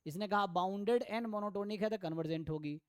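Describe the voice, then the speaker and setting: A man teaching an online exam-prep math lecture, thinking aloud and reading theorem statements slowly. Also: high voice, clear, resonant tone, dry recording, studio quality. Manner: thinks aloud, mixes Hindi with English terms. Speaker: math tutor.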